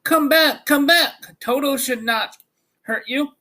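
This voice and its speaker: A man voicing a kind, humble tin man in a storybook, speaking gently and politely. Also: very high-pitched, slow, voice pushed up, heavily acted. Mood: reassuring.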